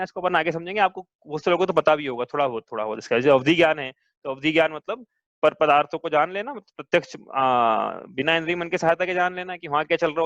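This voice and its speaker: A man with a high voice leads a scripture class, explaining point by point and checking his students with questions. The sound is dull and lo-fi, dry with no room echo. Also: a bit bright. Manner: patient, asks students questions. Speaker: teacher. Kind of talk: religious class lecture.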